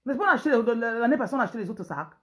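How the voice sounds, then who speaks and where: A woman acting out a stingy, controlling husband who nags quickly and reproachfully about household spending. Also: fairly high pitch, expressive, a bit bright, pitched above the performer's own voice. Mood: nagging.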